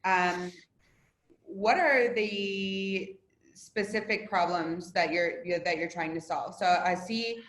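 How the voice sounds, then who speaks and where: Hesitant low-voiced woman interviewer. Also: slow, a bit bright. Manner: hesitant, hedging with fillers. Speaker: host, interviewer. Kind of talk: online Q&A interview. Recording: echoey room with faint noise.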